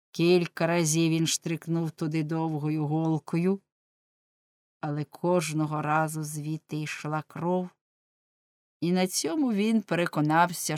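A woman narrating a novel in a grave, measured audiobook reading. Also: sits low, a little mellow, dry recording, studio quality.

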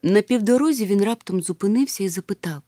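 A woman narrating a children's storybook aloud with an expressive manner. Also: mid-range voice, quick pace, no room sound, studio quality. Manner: expressive, animated. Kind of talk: audiobook narration.

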